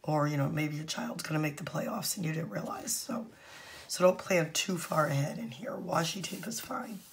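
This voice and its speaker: A woman with a hoarse, nearly lost voice that often breaks into a whisper, casually walking viewers through a craft project. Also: low voice, moderate pace. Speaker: craft channel host.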